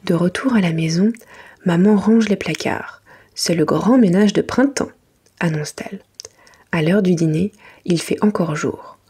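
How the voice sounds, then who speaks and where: A woman reads a children's bedtime story in a hushed, very breathy whisper. Her voice sits a little low, and she goes gently and carefully, in a soft ASMR reading style. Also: unhurried.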